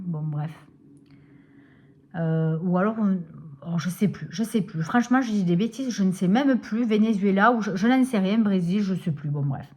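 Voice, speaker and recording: A woman's voice: mid-range voice, a little mellow, a little hiss or hum. A middle-aged woman, ranting in a casual home vlog with lots of filler words. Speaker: vlogger.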